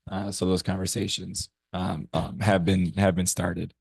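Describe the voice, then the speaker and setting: A man with a hoarse, worn voice reports to a meeting. His pitch sits very low and barely moves. The sound is close and dry, with no room echo. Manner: steady, level report with frequent pauses. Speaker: teacher representative at a council meeting.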